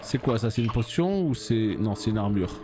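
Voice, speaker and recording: A man streaming a game live, reacting loudly, swearing and talking to his chat. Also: fairly low pitch, moderate pace, noisy background. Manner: excitable, swears, talks to chat. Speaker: gaming streamer. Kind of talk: live let's play commentary. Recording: music playing behind.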